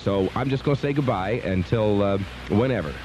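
A man's voice: on the low side, a little fast, a little mellow. A man presenting live radio as a DJ, casual and loose with joking asides. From Southern California. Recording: dull lo-fi radio broadcast with music.

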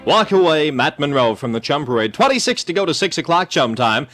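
A man's voice: on the high side, sing-song, brisk, a bit bright, soft background music. A man doing morning radio DJ patter, reading scores, time and weather, with jokey rambling asides. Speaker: radio disc jockey.

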